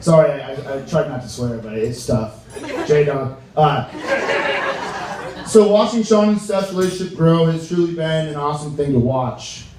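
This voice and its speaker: A young American man giving an informal wedding toast as best man, halting and joking, with slangy wording. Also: fairly high pitch, expressive, crowd noise. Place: large reverberant room with a reacting crowd. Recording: echoey room, distant mic, audience noise.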